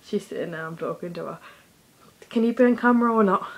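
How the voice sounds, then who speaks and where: A woman's voice: medium pitch, quick pace, low-quality recording. A teenage girl talking casually to her own camera in a chatty, rambling vlog with lots of fillers. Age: teens. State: slightly out of breath. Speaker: vlogger. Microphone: handheld device camera.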